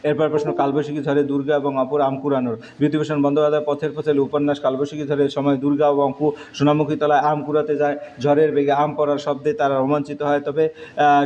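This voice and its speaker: A man's voice: a little high, a little mellow. A male teacher, walking through exam answers in short, clipped phrases. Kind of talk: exam answer walkthrough lesson. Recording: dull lo-fi recording with faint noise.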